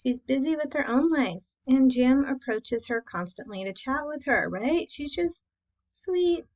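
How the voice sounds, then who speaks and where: High-pitched and lively in intonation, this woman speaks a little slowly with a darkish tone, captured on dull audio. As a dating coach hosting a class, she presents casually to camera, keeping things chatty through rhetorical questions and regular check-ins.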